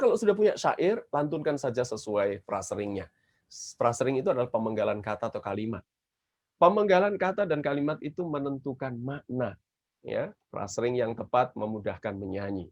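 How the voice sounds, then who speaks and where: A man with an Indonesian accent teaching children's songwriting in a webinar, explaining patiently and singing short examples. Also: medium pitch. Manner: explains patiently, breaks into short sung demonstrations. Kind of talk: webinar lecture with sung examples. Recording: dull lo-fi webinar audio with faint guitar.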